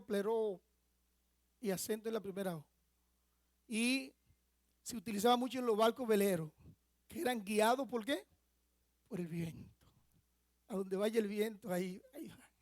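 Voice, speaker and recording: A man's voice: high-pitched, no room sound, studio quality. A male pastor from the Dominican Republic preaching a sermon in a church, explaining a word and asking the congregation questions. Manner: teaching with rhetorical questions to the congregation. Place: church sanctuary.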